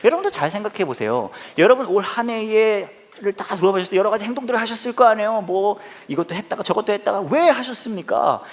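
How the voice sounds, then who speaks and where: A middle-aged man preaching a humorous sermon in a church, self-mocking and acting out bits of dialogue. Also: high voice. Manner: animated, self-mocking, acts out quoted dialogue. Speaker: pastor.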